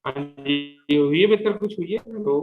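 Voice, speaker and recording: A man's voice: on the high side, moderate pace, soft background music. A male teacher giving an online class, checking in step by step while his voice keeps cutting out on a breaking-up connection. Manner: explains step by step, often checking with "ठीक है". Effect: choppy audio cutting out over an online call. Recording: lo-fi online call audio.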